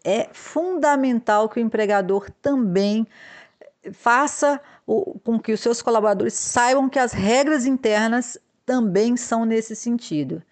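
A woman hosting a podcast, explaining labor law rules in a measured way, with frequent hesitations and restarts. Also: on the high side, darkish tone. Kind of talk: explanatory legal podcast talk.

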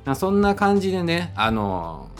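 A man's voice: on the high side, wildly swooping pitch, moderate pace, soft background music. A man with an Osaka accent hosting a casual solo podcast, chatting in a conversational way with lots of fillers. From Osaka, Japan. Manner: chatty, conversational, many fillers and tag particles. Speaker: podcast host.

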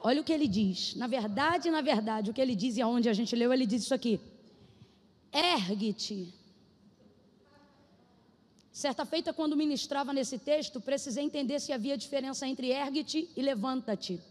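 A woman preacher from Brazil delivers a sermon in a very high voice. She shifts between shouted prophetic declarations and relaxed, conversational storytelling. Long reverb trails after her words in the church hall. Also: fairly quick, hardly any pauses.

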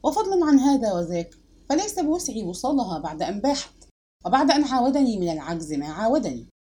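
Expressive, breathy woman narrating a novel. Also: a little high, fast talker. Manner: expressive, dramatic storytelling. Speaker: audiobook narrator. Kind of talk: literary audiobook narration.

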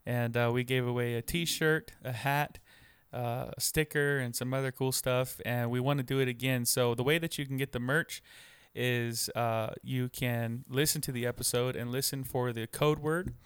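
Easygoing man with a smooth voice. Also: mid-range voice, steady tone, normal speed, few pauses, dry recording, studio quality. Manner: easygoing, laughs often. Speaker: podcast co-host. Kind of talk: casual podcast chat. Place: home office.

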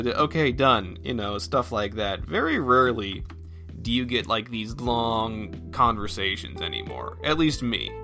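A solo podcast host muses out loud in a loose, rambling chat, folksy and quick to poke fun at himself. He has a mid-range voice that is gravelly with a sharp edge.

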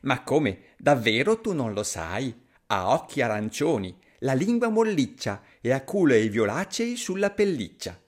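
A man voicing a clever, boastful little mouse in a storybook reading, quick and cheeky. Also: medium pitch, sing-song.

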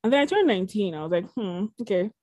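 A woman's voice: medium pitch, animated, fast talker, darkish tone, dry recording. A young adult woman co-hosting a casual podcast chat, talking in a rambling way with lots of fillers. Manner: chatty, rambling, many fillers.

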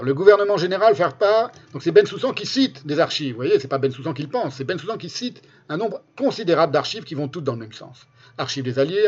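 A man with a somewhat high-pitched voice reads quotations aloud as a commentator. He stresses key phrases by repeating them and slips into spoken asides. The sound is dull and lo-fi. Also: slightly rough. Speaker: commentator presenting a history book.

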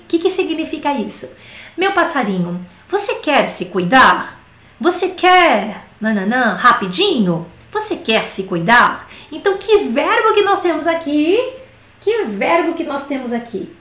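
In an echoey room, a high-voiced, bright-sounding woman teaches French online, explaining things conversationally. She sings simple children's songs slowly, line by line.

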